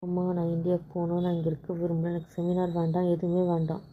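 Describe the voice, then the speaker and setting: A woman's voice: fairly low pitch, monotone, fast talker, dark tone. A woman voicing the wife in an amateur romantic audio drama, sounding hurt and pleading. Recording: dull lo-fi audio with faint noise.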